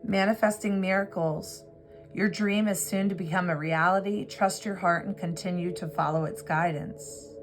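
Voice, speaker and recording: A woman giving an earnest, reflective tarot reading, pausing often with fillers, over a music bed. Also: on the low side, steady tone. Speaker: tarot reader. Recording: clear music bed behind voice. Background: background music.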